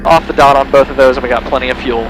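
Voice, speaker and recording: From the cockpit of a small plane, a male pilot rattles off his preflight checklist in clipped, matter-of-fact phrases, speaking rapid-fire in a mid-range voice with fairly even intonation. Engine noise fills the recording.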